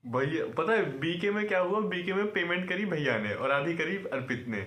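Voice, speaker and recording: A man's voice: sits high, expressive, normal speed. Young man chiming in, echoey room. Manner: interjects, adds details, soft acknowledgements. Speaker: friend chiming in. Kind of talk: casual chat.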